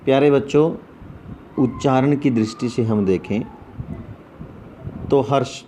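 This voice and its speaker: A man leads an online lesson at a deliberate, unhurried pace, his voice mellow and low in brightness. He drills his pupils with questions and then answers them himself. A faint noise sits under the recording. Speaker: Sanskrit teacher. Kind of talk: online class lecture.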